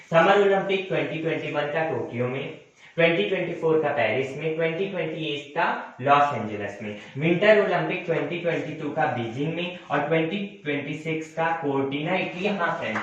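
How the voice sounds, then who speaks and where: A young man teaching a coaching lesson, repeating points and correcting himself as he addresses students as friends. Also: on the high side. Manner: repetitive, self-correcting, addresses viewers as friends. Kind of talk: classroom lecture. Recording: very echoey room, distant mic, dull sound.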